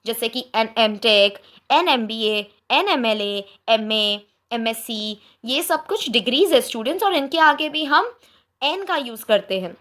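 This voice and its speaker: A young Indian woman teaches grammar in a high, animated voice that swoops up and down. She speaks at a slow, careful pace, moving between Hindi and English. She talks directly to her students and checks often that they are following. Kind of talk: online grammar lesson.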